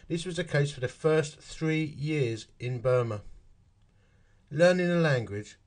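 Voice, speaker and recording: Reading a history article aloud, this Essex-accented man speaks in a fairly high, animated voice at an unhurried pace. He's chatty, pausing for asides and calculating dates and numbers aloud along the way.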